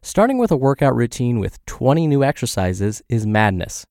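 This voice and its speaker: A man reads health and fitness blog posts aloud for his podcast, his voice congested and scratchy from the flu. He's very animated at a normal speed, with a medium-pitched, slightly mellow voice in a dry, studio-quality recording.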